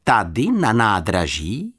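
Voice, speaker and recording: A man's voice: lowish voice, huge pitch swings, a bit bright, full character voice. Man doing an insistent storybook husband. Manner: insistent, slow and deliberate. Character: insistent middle-aged husband, flustered.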